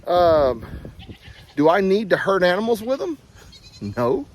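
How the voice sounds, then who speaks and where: A man's voice: high-pitched, sing-song, measured pace. A man chatting casually to camera on a windy farm, rambling and folksy with plenty of "uh" and "y'all". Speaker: farm vlogger. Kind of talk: casual vlog talking to camera. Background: wind and farm animals.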